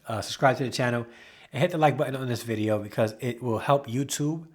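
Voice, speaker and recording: A man giving a casual product review, talking excitably with emphatic repeats and self-corrections. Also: mid-range voice, fairly quick. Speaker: camera reviewer.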